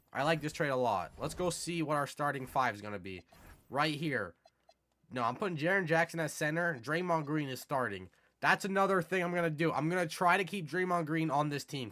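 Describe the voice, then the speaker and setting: A man's voice: fairly high pitch, fairly bright tone. A man with a stuffy, congested nose from a cold, giving casual, conversational gameplay commentary as host of a video. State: has a cold. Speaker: video game content creator, host.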